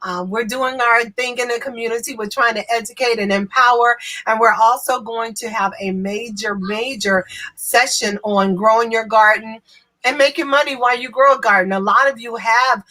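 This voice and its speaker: A woman's voice: a little high, fairly even intonation, moderate pace, sharp tone. A woman in her fifties hosting an online talk show from her home office, chatty and upbeat. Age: 50s. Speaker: show host.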